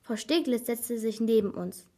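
Woman reading a kids' mystery story, bit high voice, lively, does the characters' lines higher. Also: moderate pace. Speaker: narrator. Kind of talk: scripted storybook narration.

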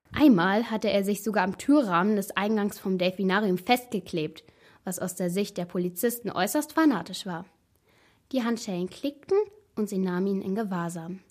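A woman narrating a first-person storybook in a steady, tense manner. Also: medium pitch.

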